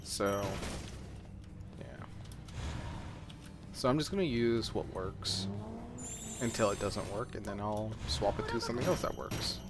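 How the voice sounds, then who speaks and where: A man's voice: on the low side, unhurried, pauses often. A man giving casual, rambling, self-deprecating gameplay commentary as he plays, in the manner of a gaming video creator. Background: game music, mouse clicks.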